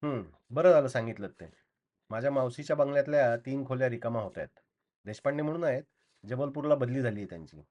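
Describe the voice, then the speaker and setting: A man's voice: mid-range voice, a little fast, darkish tone, highs cut off, close to an everyday voice. A man reading the part of an earnest young door-to-door librarian, talking in eager, apologetic salesman patter.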